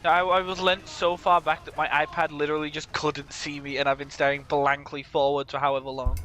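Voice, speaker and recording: A man's voice: on the high side, little pitch movement, a little fast, pushed and bright, slight background noise, poor audio. A man joking and teasing playfully while playing a game with a friend on stream. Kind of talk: casual gaming stream chat.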